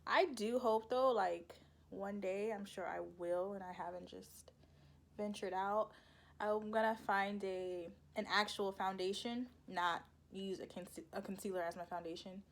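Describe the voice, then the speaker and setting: A woman's voice: medium pitch, fairly even intonation, unhurried, creaky. A young woman, chatting casually through a makeup tutorial, rambling and laughing at her own slips. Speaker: beauty vlogger.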